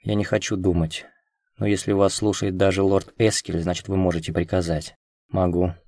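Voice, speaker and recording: A man reading the lines of a hurt, proud young woman in an audiobook, in a quiet, subdued voice. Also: low voice, level tone, moderate pace, no echo, clean studio sound.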